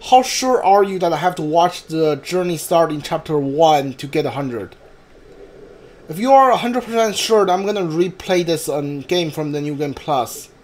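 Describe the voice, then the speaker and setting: Talking to his chat during a live gameplay stream, this high-voiced man is expressive and speaks at a normal speed. His commentary wanders casually, and he keeps returning to points he's already made, phrasing things hesitantly.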